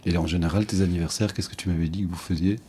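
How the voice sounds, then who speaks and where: Deep-voiced man asking questions. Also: steady tone, very fast, a little hiss or hum. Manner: gentle, probing follow-up questions that recall earlier talks. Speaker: interviewer. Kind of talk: one-on-one interview.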